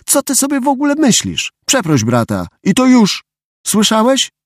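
A man voicing a stern mother scolding her young son in an audiobook, with sharp commands. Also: medium pitch, big pitch swings, slow, no room sound, studio quality.

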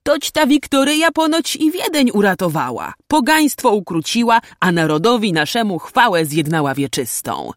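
A woman voicing a gruff, weary old male knight who talks firmly in old-fashioned speech. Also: deep voice, big pitch swings, takes it slowly, hardly any pauses, no room sound, clean studio sound, exaggerated voice. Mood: stern. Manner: firm, archaic speech.

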